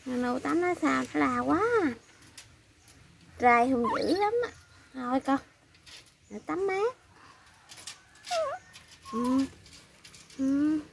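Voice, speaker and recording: A woman's voice: high-pitched, slow, gravelly, long pauses. A woman cooing baby talk to her pets in a home video. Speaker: pet monkey owner. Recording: noisy background.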